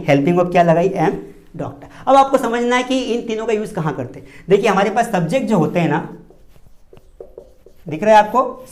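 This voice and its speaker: A man's voice: high voice, a little mellow. A man with a Hindi accent teaches spoken English in a classroom-style video lesson. He keeps asking his students questions and then answers them himself. He repeats each key word to drive it home.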